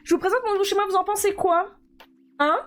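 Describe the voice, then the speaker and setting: A woman's voice: extremely high pitch, fairly even intonation, quick pace, a bit bright. A woman streamer chatting live with her viewers, playful and exclaiming, pleading with her chat in mock despair.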